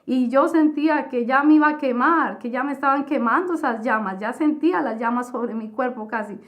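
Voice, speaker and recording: Earnest woman giving a halting testimony. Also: sits high. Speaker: testimony giver. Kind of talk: personal religious testimony.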